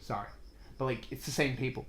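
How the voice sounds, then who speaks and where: An Australian man from the west of the country, talking casually as a podcast co-host. He is blunt and opinionated, with freely dropped swear words and a ranting flow, and his voice sits at an ordinary middle pitch. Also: brisk, slight background noise. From Western Australia.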